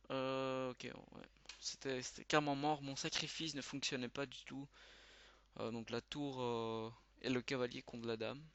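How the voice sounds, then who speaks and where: Gravelly-voiced man thinking aloud. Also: medium pitch, level tone, a bit bright. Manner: thinks aloud, quick muttered exclamations. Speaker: channel host. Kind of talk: live commentary while playing.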